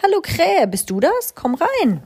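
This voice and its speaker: A woman voicing a kind, energetic mother cow with a friendly, bright manner. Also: very high-pitched, unhurried, pitched above the performer's own voice, heavily acted. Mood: cheerful.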